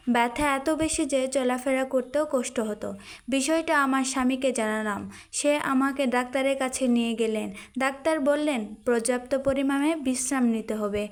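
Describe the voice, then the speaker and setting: A woman narrating a first-person family story in a plain telling voice, with a few restarts. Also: sits high.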